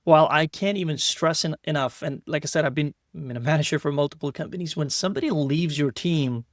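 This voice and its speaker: In a dry, studio-quality recording, a man hosts a casual interview podcast at a brisk clip and a fairly high pitch. He rambles, repeating words and starting over.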